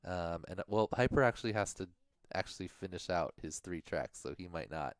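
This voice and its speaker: A man co-hosting a livestream talks through the race standings in a relaxed, thinking-aloud way, sometimes trailing into mumbles. His voice sits low and sounds smooth and resonant. The sound is close and dry. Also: normal speed, no echo. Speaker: livestream co-host. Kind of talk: casual stream chat going over race standings.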